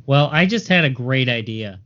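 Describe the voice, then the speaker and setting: A man from Indiana co-hosting a podcast, full of deadpan jokes. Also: medium pitch, normal speed. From Indiana, USA. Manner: joking, deadpan quips. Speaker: podcast co-host. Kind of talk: casual podcast chat. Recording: dull lo-fi audio.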